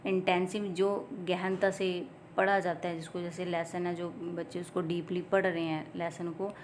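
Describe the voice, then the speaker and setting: This exam-prep teacher is a woman with an Indian accent whose lowish voice barely moves in pitch. She explains and repeats each point, reads English definitions aloud slowly, and a faint hiss or hum sits underneath.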